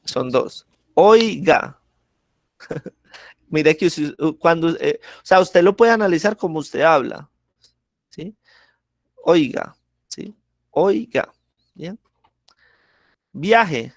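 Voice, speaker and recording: A man's voice: on the high side, lively intonation, slow, long pauses, no room sound. A man teaching a class, explaining step by step with examples and often checking that students follow. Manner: keeps checking in with the class, asking ¿listo? and ¿sí?. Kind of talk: online class lesson.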